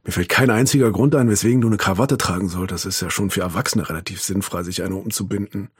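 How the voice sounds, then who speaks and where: An old grandfather, calm and sleepy, who speaks evenly with a dry, wry humour, as a male reader voices him in an audiobook. His voice is slightly husky and the recording is dry and close. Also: low-pitched, fast, no room sound. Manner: drowsy, even, wry.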